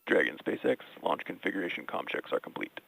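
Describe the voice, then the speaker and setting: A man's voice: deep voice, very animated, fast, vocal fry, fairly bright tone, slight background noise, poor audio. A man at mission control making procedural radio calls to a spacecraft crew.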